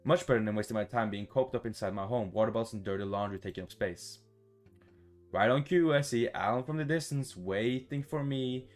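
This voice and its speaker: A man reading a visual novel aloud for a gaming video in a casual, expressive, sweary way, adding his own playful reactions. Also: mid-range voice, fairly quick, faint music behind.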